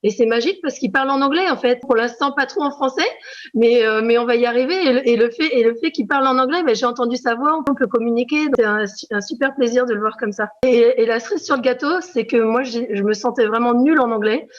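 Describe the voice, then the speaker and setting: A woman's voice: fairly high pitch, quick pace, highs cut off. A woman from France who teaches preschool, giving a spontaneous testimonial full of hesitations and fillers. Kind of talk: testimonial interview.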